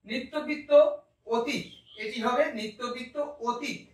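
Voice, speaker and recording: High-voiced man teaching in an echoey room. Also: fairly even intonation, a bit bright. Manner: methodical, drawing out words slowly to model pronunciation. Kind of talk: grammar lesson. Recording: very echoey room, mic far off.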